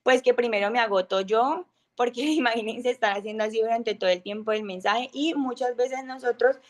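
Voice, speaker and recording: A young adult woman giving an informal talk on communication, speaking loudly and with a high voice, full of fillers and acted-out examples. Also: brisk. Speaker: speaker of an online masterclass.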